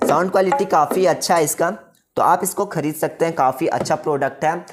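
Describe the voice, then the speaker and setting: Over loud music, a man from a music shop talks a little fast in a higher-leaning voice while casually demonstrating a keyboard. He explains each step and keeps checking in with the viewer, as faint keyboard tones sound in the background.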